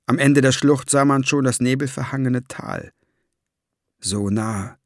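A man reading a fantasy novel aloud as audiobook narration, measured and steady. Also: mid-range voice, gravelly, dry recording, studio quality. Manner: measured storytelling.

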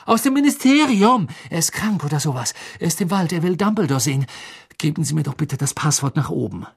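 A man's voice: a little high, animated, moderate pace, slightly rough, pitched above the performer's own voice. Harry Potter, urgent teenage boy wizard, read by a man. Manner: breathless, pleading, shouting.

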